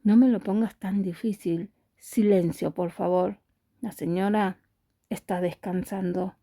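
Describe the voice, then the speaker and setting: A woman's voice: steady tone, unhurried, dark tone. A woman reading aloud and voicing a stern male guard who speaks firmly and curtly. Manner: firm, low, curt.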